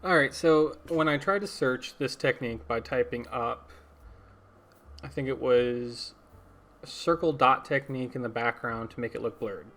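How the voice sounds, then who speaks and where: A man's voice: medium pitch, unhurried, a bit bright. A young man hosting his own podcast, talking casually and rambling, correcting himself and chuckling at his own tangents. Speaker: podcast host. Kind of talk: casual solo podcast talk.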